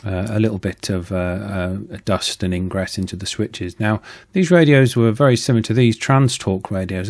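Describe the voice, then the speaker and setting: This man's voice is fairly low and a little mellow. As host of his channel, he gives easygoing, explanatory commentary on a repair, speaking informally and matter-of-factly with some hesitation.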